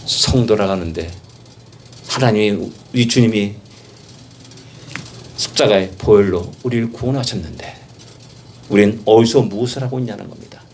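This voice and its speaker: A male pastor preaching a sermon, emphatic, with rhetorical questions and repeated phrases, swinging from soft passages to loud exhortation. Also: fairly low pitch, moderate pace, pauses often, slight background noise.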